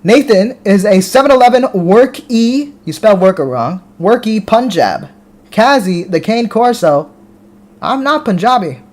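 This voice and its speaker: Speaking a little slowly in a high-pitched, expressive voice with a darkish tone, an American man hosts a live stream. He reads viewer comments out loud, talks back to them casually, and often starts his words over.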